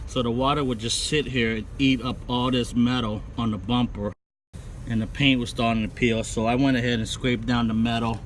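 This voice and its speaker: A man's voice: medium pitch, little pitch movement, moderate pace, a little hiss or hum. A man rambling and joking with lots of swearing while showing his bus conversion work outdoors. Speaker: DIY bus-conversion vlogger. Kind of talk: casual profane DIY vlog.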